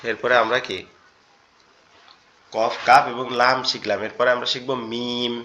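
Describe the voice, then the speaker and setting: A man's voice: medium pitch, little pitch movement, bright, forceful tone, a little hiss or hum. Male teacher, online lesson, patient and repetitive delivery, dull lo-fi audio. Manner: patient, repeats each point slowly. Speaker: Quran teacher. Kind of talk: online lesson on Arabic letters.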